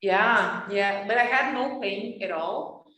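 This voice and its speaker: A woman of about forty from southern Brazil with a Brazilian accent, speaking English as a second language in a casual interview and pausing to search for words. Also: mid-range voice, sharp tone, echoey room, low-quality recording. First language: Portuguese. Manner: searches for English words, fillers, laughs often. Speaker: guest. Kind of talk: casual video-call interview. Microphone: video call.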